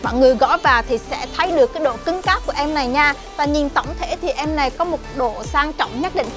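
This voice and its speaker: A woman's voice: sits high, quick pace, over music. A woman presenting a product review for a shop in a friendly, chatty sales manner. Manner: chatty, friendly sales talk with frequent "nè" and "nha".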